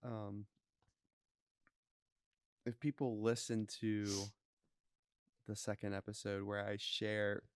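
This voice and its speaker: A young man hosting a faith podcast, soft-spoken and hesitant as he reflects. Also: lowish voice, level tone, slow, pauses often, clean tone, dry recording. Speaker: podcast host. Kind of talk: casual faith conversation.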